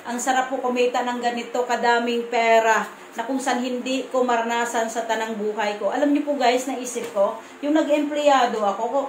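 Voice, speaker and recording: A woman's voice: on the high side, steady tone, normal speed, reverberant, a little hiss or hum, rough recording. A woman from the Visayas with a Visayan accent, talking casually to camera in a vlog in a firm, blunt tone, often restarting her words. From Visayas, Philippines. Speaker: vlogger. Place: room at home.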